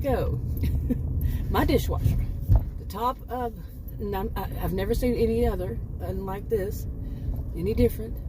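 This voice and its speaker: A woman's voice: mid-range voice, noisy background. A woman in her late fifties chatting casually in a rambling vlog, often correcting herself and chuckling at her own asides. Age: 50s. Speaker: homemaking vlogger.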